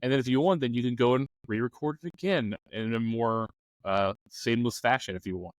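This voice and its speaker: On a game master advice show, a male panelist chats casually in a loose, informal manner, thinking aloud as he gives advice. His mid-range voice moves briskly, and the recording has no echo.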